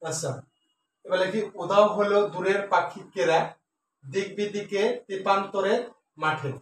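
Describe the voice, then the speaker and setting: High-voiced male teacher, echoey room. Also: far from the mic, slight background noise. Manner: slow, syllable-by-syllable recitation and explanation. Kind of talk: classroom lesson on Bengali poetic meter.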